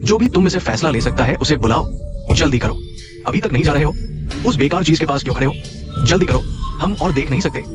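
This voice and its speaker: A man's voice: fairly high pitch, animated, quick pace, long pauses, over loud music, lightly acted. An actor dubbing a bossy, impatient male protester in a TV drama. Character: pushy, rowdy male protester. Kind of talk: Hindi dub of a TV drama.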